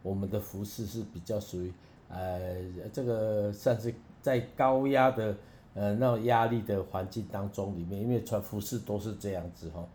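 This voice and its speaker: A man, a minister speaking in a slow prayerful, sermon-like way with soft drawn-out particles. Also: lowish voice, steady tone. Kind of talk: prayerful talk. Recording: roomy with faint hum.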